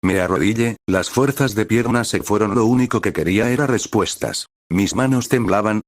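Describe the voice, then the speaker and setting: A man's voice: fairly low pitch, no echo, studio quality. A man reading a fan fiction story aloud in the first person, with emotional, dramatic storytelling.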